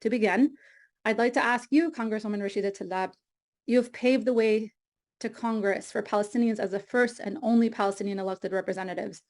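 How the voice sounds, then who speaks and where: A woman's voice: medium pitch, fairly quick. A woman moderating an online meeting, reading formal introductions of panelists from a script over a video call. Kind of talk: read introductions. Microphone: computer mic on a video call.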